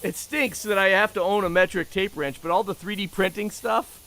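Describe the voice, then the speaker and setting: A man's voice: high-pitched, moderate pace, a bit bright. A man chatting casually and talkatively, with joking asides, as he shows off things. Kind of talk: casual chat about tools.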